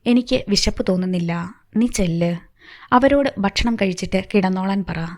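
A woman's voice: medium pitch, normal speed, darkish tone, close to an everyday voice. A woman reading the lines of an angry, evasive middle-aged husband in an audiobook. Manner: curt, scolding.

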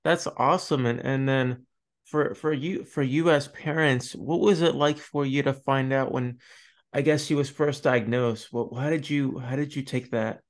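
A man's voice: medium pitch, fairly even intonation, moderate pace. A young man hosting a podcast over a video call, asking questions and offering short supportive replies. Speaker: podcast host. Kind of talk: casual video-call interview. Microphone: headset over video call.

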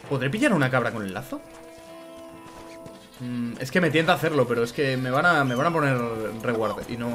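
A man giving chatty, excitable let's play commentary and greeting his chat. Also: mid-range voice. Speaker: gaming streamer.

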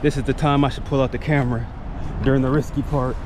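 A man in his thirties chatting casually to camera in a relaxed, conversational way while exploring outdoors. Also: mid-range voice, fast talker. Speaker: travel vlogger. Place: outdoors on forest trails and dirt roads. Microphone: action camera at arm's length. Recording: noisy outdoor camera recording, engine and nature ambience.

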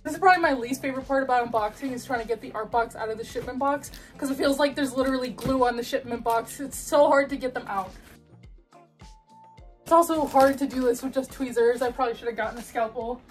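A woman's voice: high voice, fast talker, distant mic, soft background music. A young woman casually chatting through an unboxing, gushing and laughing, a bit out of breath as she struggles with the box. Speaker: collectibles unboxing vlogger.

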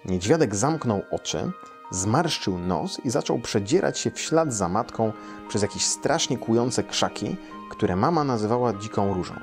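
A man in his late thirties or forties reads his own translation of a children's story aloud, seated in an armchair in a small, quiet room. His voice is lowish with lively intonation and an ordinary pace, and faint music plays in the background.

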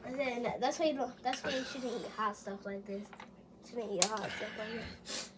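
A woman's voice: fairly high pitch, normal speed, heavy background noise. A young female chatting casually at home, recorded on a phone camera. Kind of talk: casual chat. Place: room at home.

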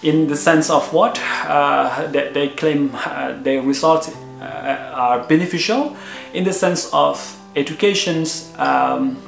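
An Indonesian man in his thirties sits on a sofa in his living room, earnestly explaining things to camera for his vlog with frequent "uh" fillers. His voice is a little high, slow and gravelly, with a roomy sound and soft background music.

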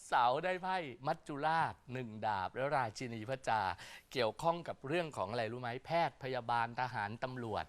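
A man's voice: mid-range voice, lively intonation, fairly quick, few pauses. A man giving weekly horoscopes on a chat show in a joking, teasing way. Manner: joking, teasing, chants spells. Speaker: astrologer guest.

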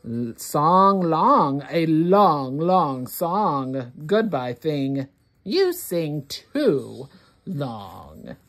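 As a read-along host, a woman reads a rhyming children's book aloud in a slightly low, faintly husky voice. She sets down each word with care for early readers, her pitch swooping in lively arcs.

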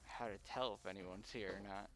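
A man livestreaming casually and haltingly, his voice muffled by a face mask. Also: fairly low pitch, steady tone, over music. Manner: halting, hesitant, unpolished first-time streamer. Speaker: live streamer. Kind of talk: casual unscripted livestream chat.

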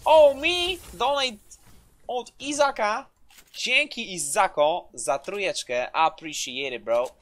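A man in his twenties streaming a game live, loud and excitable, swearing and throwing in English phrases, on a headset in a small room. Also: high voice, slow pace. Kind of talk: live gameplay commentary.

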